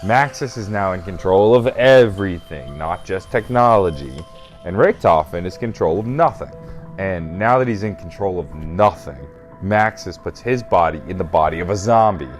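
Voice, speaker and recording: This host is very drunk, burping as he retells a video game storyline in a casual, comedic ramble, profane and emphatic, frequently losing track and fixing himself. His low-pitched voice is animated and moderately paced, with soft background music.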